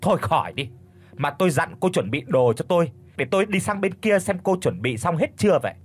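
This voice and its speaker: A man voicing a spiteful old woman, a bullying mother-in-law, in a shrill, sharp-tongued scolding voice. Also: animated, breathy edge, faint music behind. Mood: scornful. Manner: scolding, fast accusing questions. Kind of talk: audiobook character voice.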